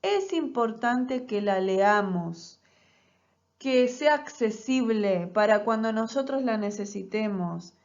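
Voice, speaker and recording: A woman's voice: fairly high pitch, animated, takes it slowly, a little mellow, dull audio. A woman teaching a recorded nursing class, explaining step by step and often checking in with rhetorical questions. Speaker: nursing lecturer.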